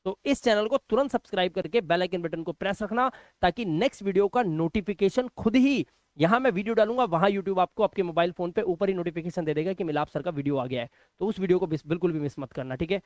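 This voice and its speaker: A man's voice: high voice, quick pace, dry recording. A man teaching a phonics lesson, patiently spelling words out letter by letter and repeating them.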